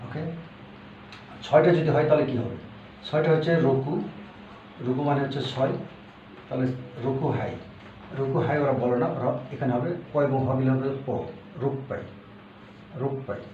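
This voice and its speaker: A man teaching a language lesson, explaining step by step and repeating each word slowly, with fillers. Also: medium pitch, fairly even intonation, dark tone. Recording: echoey room, far from the mic, dull with faint hiss.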